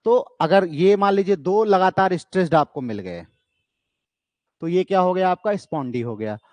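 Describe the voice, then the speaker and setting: A man's voice: high voice, expressive, normal speed, a little mellow, dry recording. Indian man chanting stress patterns, dry. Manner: explains step by step, asks and answers his own questions. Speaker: literature teacher. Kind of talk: online exam-prep lecture.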